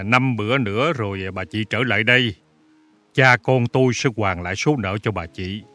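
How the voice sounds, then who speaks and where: Story character: a man doing a gentle old father, bright tone, soft music under. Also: medium pitch. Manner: gentle, courteous, pleading. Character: older rural father, mild and worried. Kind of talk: audiobook story reading.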